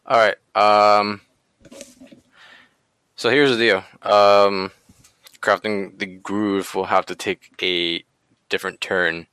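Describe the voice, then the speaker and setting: Slow, low-voiced man chatting hesitantly. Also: steady tone, sharp tone, clear, resonant tone, dry recording. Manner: hesitant, many ums and likes. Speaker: podcast host. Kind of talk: casual chat.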